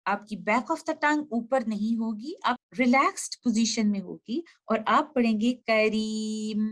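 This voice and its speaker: A woman with a fairly high voice teaches the rules of Quran recitation at an unhurried pace. She explains each rule step by step and draws out every example word slowly, repeating it so it can be heard clearly. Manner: slow, drawn-out demonstrations of example words, repeating them. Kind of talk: slide-based tutorial explaining pronunciation rules.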